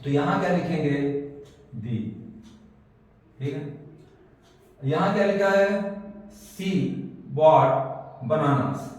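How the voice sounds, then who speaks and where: A man's voice: fairly high pitch, expressive, takes it slowly, long pauses, a little mellow. A male coaching teacher giving a classroom grammar lesson, asking his own questions and answering them. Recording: echoey room, mic far off.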